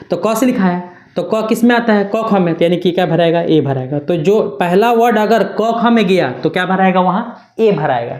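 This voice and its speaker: A woman's voice: lowish voice, darkish tone, echoey room. A woman teaching a beginners' grammar lesson, repeating points and checking in often. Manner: repetitive, keeps checking with "na". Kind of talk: classroom lesson.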